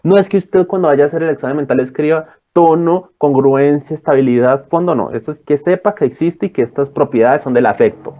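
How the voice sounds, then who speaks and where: A man's voice: fairly high pitch, fairly quick, hardly any pauses, dark tone, highs cut off. A young man tutoring students in a casual lecture, rambling and checking in with his listeners.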